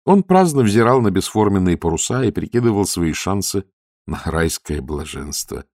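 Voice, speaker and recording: Deep-voiced male audiobook narrator. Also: animated, moderate pace, a little mellow, dry recording, clean studio sound. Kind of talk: scripted narration.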